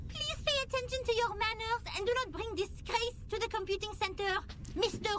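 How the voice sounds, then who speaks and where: A woman's voice: extremely high pitch, a little fast. A woman voicing a prim, indignant young girl official in a game, fussy and self-important, with game music underneath. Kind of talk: game voice acting.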